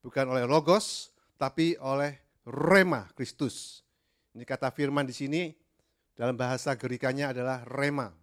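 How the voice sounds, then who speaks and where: A middle-aged man preaching a sermon, gentle and hesitant, with many fillers and English words mixed in. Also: mid-range voice.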